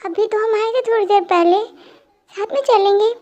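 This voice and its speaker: A caring middle-aged father speaks gently and protectively, as a woman puts him on. The voice stays high for a father. The home recording sounds dull and lo-fi. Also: normal speed. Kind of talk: dramatic fan-dub voice acting.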